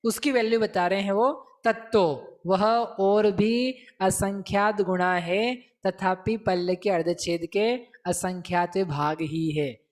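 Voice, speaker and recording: A man with a high-pitched voice teaches a scripture lesson in a slow, playful way. He explains deliberately, posing rhetorical questions. He coaxes the class into repeating terms aloud.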